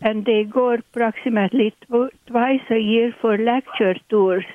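An eighties-aged woman with a Hungarian accent chats in broken English as a landlord guest on a radio interview, heard over a tinny phone line. Her voice sits on the high side with fairly even intonation, at a moderate pace and without echo.

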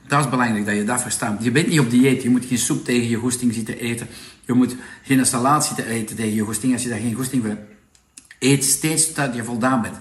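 A man with a Flemish accent gives a casual, persuasive sales pitch for products, packing it with tag questions. The recording sounds reverberant.

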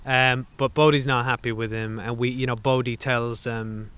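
A man's voice: medium pitch, steady tone, normal speed, fairly bright tone, clear, resonant tone. A man hosting a podcast, chatting casually through an episode recap and introducing clips, with lots of fillers. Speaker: podcast host.

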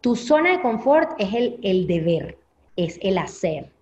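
A woman's voice: medium pitch, sing-song, unhurried, darkish tone. A young adult woman with a Venezuelan Spanish accent, a guest telling her own story candidly and acting out her past thoughts. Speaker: interview guest. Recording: echoey, slightly dull audio.

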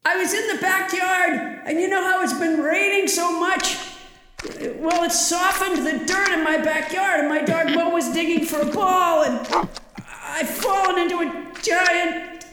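A woman podcast host shouting and swearing in exasperation, her voice ringing with big echoing cave reverb. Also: very high voice, fairly even intonation, unhurried. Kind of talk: improvised comedy bit. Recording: very echoey cavernous reverb with noise.

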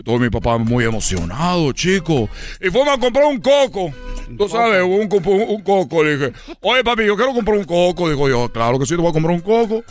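A man's voice: high voice, big pitch swings, brisk, faint music behind. A man voicing a rambling comic character who tells a long story, repeating himself and laughing at his own jokes. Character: rambling man, son of a dictator. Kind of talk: comedy sketch storytelling.

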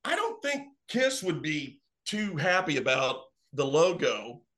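A man guest chatting casually, telling animated stories and acting out what people said. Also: on the high side, slow. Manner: animated, acts out quotes. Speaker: wrestling fan guest. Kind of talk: casual storytelling.

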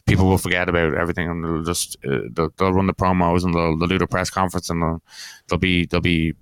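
A man's voice: low-pitched, level tone, fast, clear, resonant tone, no room sound. A man co-hosting a podcast in casual chat, hesitant and understated, often restarting his phrases. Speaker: podcast co-host and MMA analyst.

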